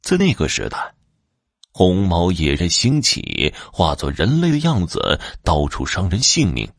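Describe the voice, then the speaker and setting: A man telling a folk tale in a measured, dramatic storytelling manner. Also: low voice, huge pitch swings, vocal fry, no echo, studio quality.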